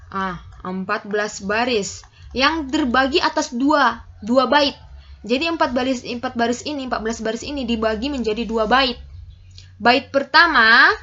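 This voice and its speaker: A woman's voice: fairly high pitch, normal speed, pushed and bright, dull audio. A woman teacher giving a class lesson, explaining step by step with frequent "oke" and "ya" check-ins.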